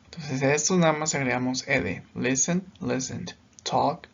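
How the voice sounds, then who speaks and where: A man's voice: medium pitch, a little slow, vocal fry, muffled recording. A man teaching English grammar in a recorded lesson, patient and step by step, often checking in as he explains.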